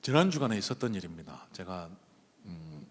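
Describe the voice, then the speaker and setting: A man's voice: low voice, big pitch swings, fairly quick. A male pastor telling a personal story in a sermon, conversational and full of hesitant fillers, speaking from the pulpit of a church sanctuary. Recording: long reverb of a church hall.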